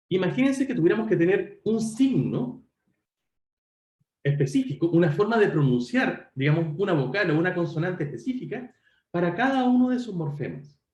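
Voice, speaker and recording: Very animated and high-voiced, with a darkish tone, a man lectures at a moderate pace in an online university class. He speaks conversationally, addresses students directly and corrects himself as he goes. The sound is roomy.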